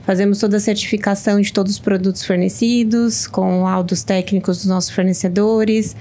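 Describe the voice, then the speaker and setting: A woman's voice: medium pitch, steady tone, brisk, mellow. A woman who works as a restaurant nutritionist, methodically listing her duties in the office. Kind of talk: casual explanation to camera.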